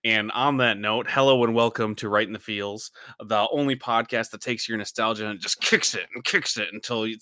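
Bright-voiced joking podcast host man. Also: lowish voice, smooth, no room sound, clean studio sound. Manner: jokey, laughs often, quick asides. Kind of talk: casual podcast chat.

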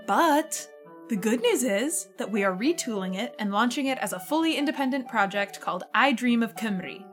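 A woman's voice: a little high, animated, normal speed, faint music behind. Woman, radio host, chatty, patient explainer, laughs easily, home studio. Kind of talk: casual chat. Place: living room home studio.

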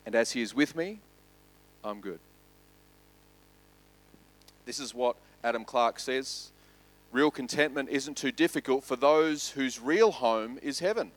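A man pastor preaching a sermon, building loud and quick through lists and then dropping to soft, slow emphasis. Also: mid-range voice.

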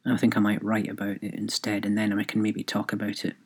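A man's voice: lowish voice, completely flat delivery, brisk, breathy edge. A man hosting his own podcast, thinking aloud in a rambling way with restarts. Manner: reads aloud from his own written review. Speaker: podcast host. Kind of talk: solo podcast monologue.

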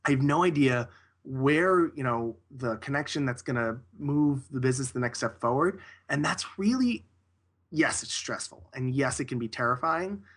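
A man's voice: medium pitch, moderate pace, a bit bright. Rambling man talking casually as a guest. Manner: rambling, self-correcting, with frequent restarts. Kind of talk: casual interview conversation.

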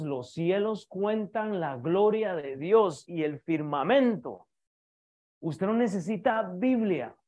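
A male pastor preaching an emphatic sermon, repeatedly calling on his congregation and often restarting his phrases. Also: sits high.

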